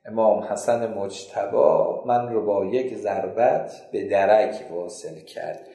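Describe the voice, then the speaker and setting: A man voicing a tormented, damned man confessing his punishment in a slow, dragging way. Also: lowish voice, fairly even intonation, mellow, echoey room, close to an everyday voice. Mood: grim confession.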